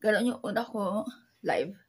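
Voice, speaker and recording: A woman from the Philippines chatting casually as an online seller, with a soft voice that sounds like crying, talking haltingly with many fillers. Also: medium pitch, lively intonation, husky. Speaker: online seller sharing tips. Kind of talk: casual vlog talk.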